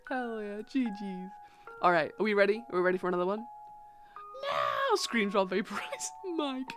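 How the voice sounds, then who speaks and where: A young woman streaming live, chatting casually and excitably while she plays a trivia game, giggling and swearing often. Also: on the high side. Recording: game music playing behind.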